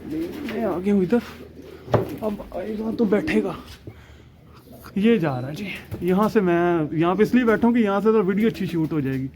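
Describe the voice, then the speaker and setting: Rooftop pigeon vlogger: chatty man, high voice, noisy outdoor phone audio with pigeons cooing. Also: moderate pace. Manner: chatty, excitable, laughs at himself. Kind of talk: casual rooftop vlog.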